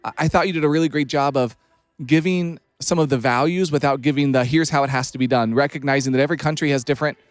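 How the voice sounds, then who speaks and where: A man's voice: fairly high pitch, steady tone, quick pace, no room sound, clean studio sound. A man hosting an interview, asking questions in an encouraging, affirming way. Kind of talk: podcast interview.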